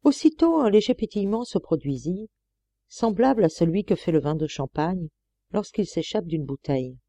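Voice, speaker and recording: A woman reads a classic adventure novel aloud in steady, measured storytelling. Her voice is mellow and warm, never sharp. The recording is close and dry. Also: fairly low pitch, no room sound. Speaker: audiobook reader. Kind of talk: scripted audiobook narration.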